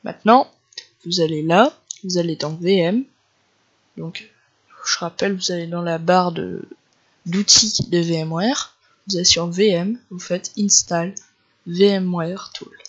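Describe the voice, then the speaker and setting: A man's voice: sits high, a bit bright. Ch'ti-accented man, dull lo-fi tutorial. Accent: Northern French (ch'ti). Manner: informal, loose step-by-step explaining. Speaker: tech tutorial creator. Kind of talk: casual screen-recorded tutorial narration. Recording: dull lo-fi home recording.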